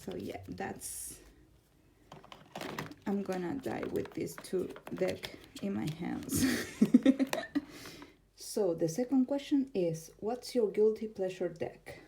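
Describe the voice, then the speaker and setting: An Argentine tarot vlogger chats casually about her tarot decks from a room at home, laughing often in her Argentine Spanish accent. Her mid-range, creaky voice is expressive and slow with long pauses. The background is noisy, and a neighbor's car can be heard outside.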